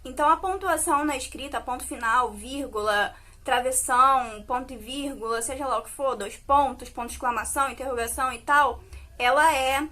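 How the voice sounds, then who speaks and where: Woman, Brazilian accent, high voice, teacher, video lesson, checks in with pupils. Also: fairly quick, bright, forceful tone. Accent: Brazilian Portuguese. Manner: explanatory, checks in with "né?" and "tá?".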